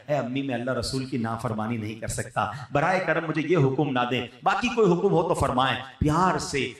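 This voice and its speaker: A man with a Pakistani Urdu accent giving an earnest religious sermon, rising to emphatic lines and dropping to soft ones. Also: sits high. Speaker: preacher. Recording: echoey hall, voice from far off.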